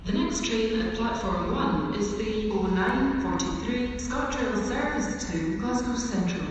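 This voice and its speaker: A woman making scripted announcements on a train platform in measured, pieced-together phrases over a public address loudspeaker. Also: mid-range voice, expressive. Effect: station public address loudspeaker. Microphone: distant recorder picking up platform loudspeakers. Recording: echoing station PA from far off, noisy. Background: clear station ambience noise.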